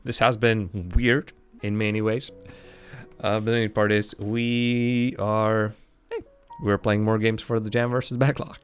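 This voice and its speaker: A man giving casual, halting game commentary, thinking aloud and poking fun at himself, and speaking as a language. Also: fairly low pitch, flat delivery, clean tone. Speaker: host of a game playthrough stream. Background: game music.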